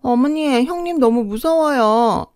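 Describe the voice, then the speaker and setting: A woman voicing a spoiled, pregnant young sister-in-law who whines and pleads in a high, sly voice, in a dry recording. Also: lively intonation, a little slow, a little mellow, no echo. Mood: whiny.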